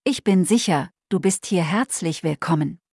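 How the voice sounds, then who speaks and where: Woman reading as the gentle Christ Child. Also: lowish voice, moderate pace, husky, no echo, clean studio sound. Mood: kindly. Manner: calm, kindly, reassuring. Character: kind gentle Christ Child, a magical gift-bringer.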